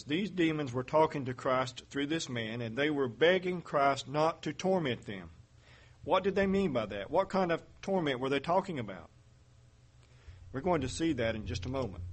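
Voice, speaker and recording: A man giving a Bible teaching sermon in a measured way, reading verses aloud and asking rhetorical questions. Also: medium pitch, slightly rough. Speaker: preacher.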